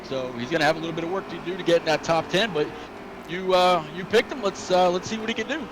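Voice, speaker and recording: A man gives casual race color commentary in a slightly high voice, stopping and restarting as he checks the running order. Clear background noise runs under his voice. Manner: rambling, halting, many "uh"s and restarts. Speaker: sim racing co-commentator.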